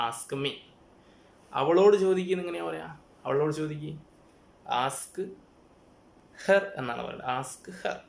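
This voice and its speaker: A man's voice: on the high side, creaky, echoey room. Malayali man drilling English commands. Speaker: English teacher. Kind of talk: spoken English lesson.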